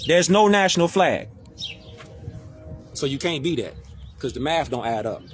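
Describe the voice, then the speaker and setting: Casual host, high animated voice, preachy and slangy. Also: male voice, moderate pace, slight background noise. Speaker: social media commentator. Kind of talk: casual live-stream talk, reading definitions aloud.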